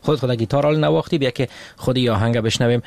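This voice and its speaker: A man's voice: medium pitch, vocal fry, no echo. A male host, prompting his guest with friendly questions. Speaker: interview host. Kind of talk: casual interview chat.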